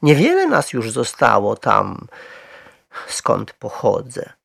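A man voicing a small, polite male bear who speaks quietly and clearly with great dignity. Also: on the high side, animated, measured pace, dry recording, studio quality, voice pushed up. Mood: dignified.

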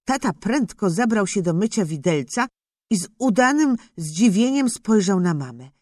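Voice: medium pitch, sing-song, moderate pace, darkish tone, dry recording, studio quality. A narrator reading a children's story in the first person as a young boy, telling it expressively. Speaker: audiobook narrator.

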